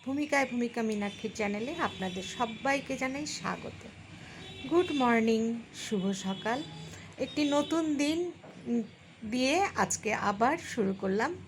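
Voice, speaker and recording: Woman, vlog voice-over, friendly, talks to viewers, fairly high voice, noisy recording. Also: animated, measured pace, pauses often. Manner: friendly, addresses viewers directly. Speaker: lifestyle vlogger. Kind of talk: voice-over narration of a daily vlog.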